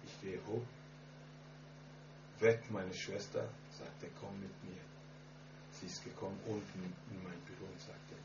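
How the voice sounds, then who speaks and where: A man preaching a sermon and telling his own story in halting German full of grammar slips. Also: deep voice, fairly even intonation. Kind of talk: sermon with personal testimony. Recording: echoey, muffled distant hall recording with hum.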